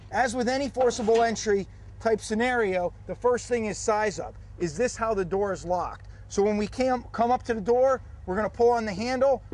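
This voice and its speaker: A man's voice: sits high, slight background noise. A man instructing firefighters, explaining a forcible entry technique step by step outdoors at a training prop. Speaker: fire service instructor. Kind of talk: instructional demonstration.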